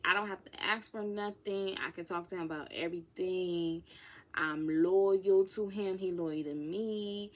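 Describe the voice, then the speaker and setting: Sassy twenty-year-old woman vlogging casually. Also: medium pitch. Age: 20s. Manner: sassy, playful, drops into whispered asides. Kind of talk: casual get-to-know-me Q&A.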